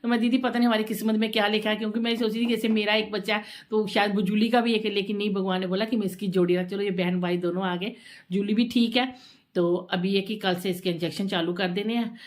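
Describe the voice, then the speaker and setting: A woman's voice: mid-range voice, fairly even intonation, fast. A woman talking casually in a home vlog, chatty and emotional, often repeating herself. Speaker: vlogger.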